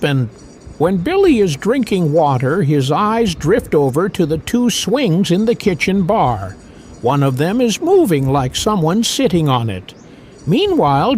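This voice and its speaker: A man reads a scripted movie recap in a high voice that swoops widely up and down. He takes his time and moves through the plot scene by scene in a plain storytelling manner. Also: a little hiss or hum.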